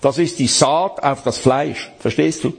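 Husky German-speaking male preacher. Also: mid-range voice, a little slow. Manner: emphatic, repeats and addresses listener directly. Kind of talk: sermon.

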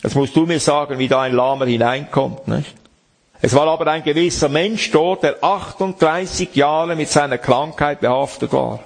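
A man's voice: a little high, normal speed, vocal fry. A man preaching a sermon, reading scripture aloud and explaining it to the congregation.

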